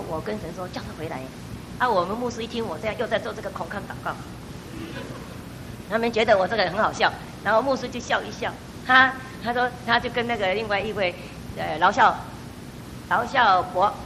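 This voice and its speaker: A middle-aged woman giving a personal church testimony, telling her story with animated storytelling and acting out the voices she quotes. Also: mid-range voice, noisy background.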